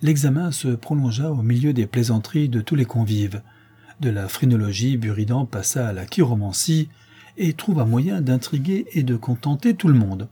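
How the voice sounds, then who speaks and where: A man narrates a classic novella in a measured, expressive way. His voice is mellow and warm, with a husky, slightly rough texture. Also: medium pitch. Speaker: audiobook narrator. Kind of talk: reading a 19th-century novella aloud.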